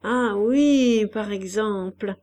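A woman reading aloud and voicing a poor, bedridden old woman who flatters and prays without pause, in a storybook reading. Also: mid-range voice. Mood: wheedling. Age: older. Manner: fawning, pious, chattering.

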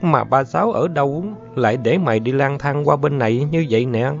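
A man's voice: mid-range voice, vocal fry, voice pushed up, natural voice. A man voicing a brash, streetwise older girl in a storybook reading, firing off coarse questions. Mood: blunt. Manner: coarse, rapid-fire questions. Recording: dull lo-fi with faint music.

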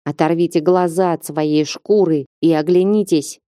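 Женщина озвучивает грубого злобного мужика. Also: female voice, sits low, fairly even intonation, moderate pace, warm tone, dry recording, studio quality, natural voice. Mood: snarling. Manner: snarling, contemptuous. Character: coarse aggressive grown man, foul-mouthed.

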